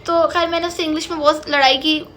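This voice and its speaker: Young woman vlogger, high and bright, animated storyteller at home, faint noise. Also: quick pace. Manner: animated storytelling, acts out both sides of an argument, mixes in English. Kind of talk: storytime vlog. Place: lounge at home. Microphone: camera in front of her.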